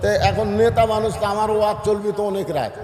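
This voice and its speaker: A high-pitched preacher, fiery and joking as he rouses a big outdoor gathering. His voice booms through a PA with a long, echoing reverb. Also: a little fast. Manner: fiery, joking, calls the crowd to shout. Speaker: Islamic preacher. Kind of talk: rousing open-air sermon. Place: large open-air gathering.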